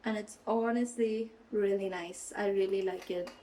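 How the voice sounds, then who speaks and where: A young woman vlogs her makeup routine in a casual get-ready-with-me chat, giggling and playfully slipping a fake British accent into her own. Her medium-pitched voice is dark and steady in tone at a moderate pace. The recording is low quality from a distant mic, with rain and traffic outside.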